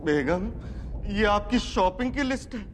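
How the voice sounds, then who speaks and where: A man's voice: high-pitched, animated, measured pace, a little hiss or hum. A man, acting in a sitcom, sarcastic and bickering. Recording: TV sitcom with loud music bed.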